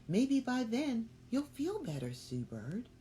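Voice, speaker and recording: A woman's voice: sing-song, slow, dark tone, a little hiss or hum. A woman voicing a worried, protective mother bird in a children's story, coaxing and urgent. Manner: urgent and coaxing, rising to shrill cries.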